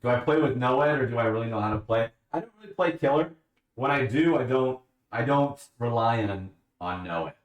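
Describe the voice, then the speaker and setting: A man's voice: medium pitch, moderate pace, recorded from a distance, lo-fi sound. A man chatting casually on a live stream, answering questions from his chat. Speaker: livestreamer. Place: at home, bathroom with a bathtub. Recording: echoey room, away from the mic.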